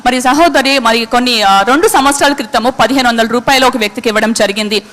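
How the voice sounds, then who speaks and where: A woman's voice: on the high side, fast, fairly bright tone, long reverb tail. A woman introducing a testimony in a church, speaking formally with many filler words. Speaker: church announcer.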